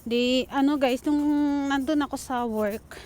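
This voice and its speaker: A woman's voice: high voice, measured pace, darkish tone. A woman from the Philippines telling a story to her viewers in a casual, chatty vlog, mixing English words into her talk and calling the audience "guys.". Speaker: vlogger. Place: outdoors in the rain, waiting for a train. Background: rain, wind and passing vehicles.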